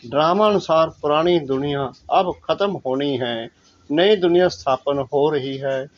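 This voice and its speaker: Slow, measured man reading scripture. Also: a little high. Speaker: spiritual reader. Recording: dull lo-fi recording.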